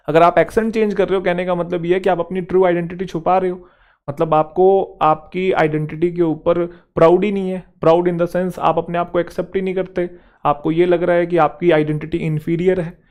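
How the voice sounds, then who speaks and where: A young man from Haryana with a Haryanvi touch in his speech, teaching an exam-prep vocabulary lesson in Hindi and reading English example sentences slowly and deliberately. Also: on the high side, a little mellow. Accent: Haryanvi-tinged Hindi and English. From Haryana, India.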